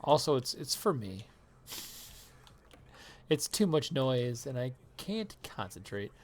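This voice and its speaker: A woman's voice: very deep voice, big pitch swings, slow pace, a little hiss or hum. Rambling, laughing woman streamer. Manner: rambling and self-deprecating, laughs often. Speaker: live streamer. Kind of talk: casual chat while gaming.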